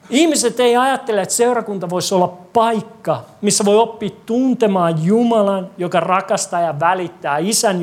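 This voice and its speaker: A medium-pitched preacher in a church hall asks his congregation lively rhetorical questions throughout the sermon. He also slips in wry, humorous asides.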